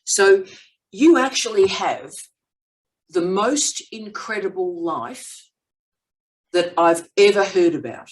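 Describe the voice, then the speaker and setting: A woman's voice: mid-range voice, animated, far from the mic, poor audio. A middle-aged woman hosting an interview, effusive and emphatic, stretching out words for effect. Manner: effusive, emphatic, drawn-out phrases. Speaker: interviewer, university dean. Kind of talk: enthusiastic interview host.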